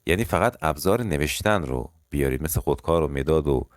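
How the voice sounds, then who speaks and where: A man teaching French phrases, explaining them in Persian and reading each French sentence slowly and more than once. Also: extremely low pitch, lively intonation, no room sound, clean studio sound. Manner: addresses learners casually as kids. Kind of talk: language lesson explaining phrases.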